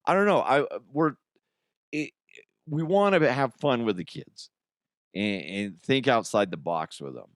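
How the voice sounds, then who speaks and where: Alone at the mic, a middle-aged podcast host chats in a loose, jokey, meandering style. His medium-pitched voice is expressive and unhurried, captured dry at studio quality.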